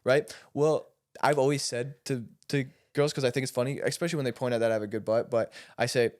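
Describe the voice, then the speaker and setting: A man's voice: medium pitch, fairly even intonation, fast, darkish tone. A young man in casual conversation as a guest, telling blunt stories with laughs and lots of fillers. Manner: blunt, laughing, rambling storyteller. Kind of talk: casual chat.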